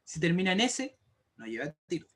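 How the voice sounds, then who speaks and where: Casting: male teacher, high-pitched voice, patient, repeats rules, online class. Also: sing-song, normal speed, bright, forceful tone. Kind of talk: explaining grammar rules to a class. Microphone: computer mic for an online class.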